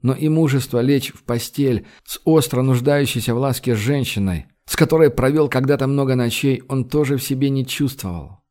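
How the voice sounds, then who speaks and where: A man reading a novel aloud as narrator, in a steady, measured manner. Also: mid-range voice. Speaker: audiobook narrator. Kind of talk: scripted narration.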